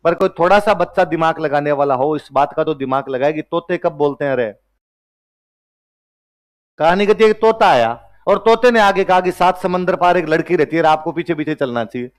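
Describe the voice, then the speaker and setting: A young man teaches history like a storyteller, slipping into the characters' voices and firing quick questions at his class. His voice sits fairly high for a man. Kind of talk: lively classroom history lecture.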